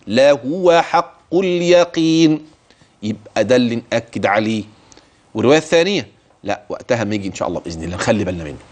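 A man's voice: fairly low pitch, very fast, breathy edge. A middle-aged man with an Egyptian Arabic accent teaching Quran recitation rules, voicing his students' questions and then answering them himself. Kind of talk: tajweed lesson with recited verses.

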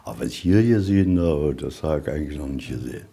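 Guiding museum visitors informally, a very deep-voiced, mellow man talks in a chatty, somewhat meandering way. His delivery is expressive and fast.

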